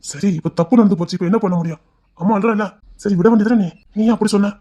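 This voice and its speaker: A woman's voice: medium pitch, racing, dark tone, pitched below the performer's own voice, close to an everyday voice. A woman voicing a weary middle-aged father who pleads with his daughter to stop. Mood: placating. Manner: pleading, placating.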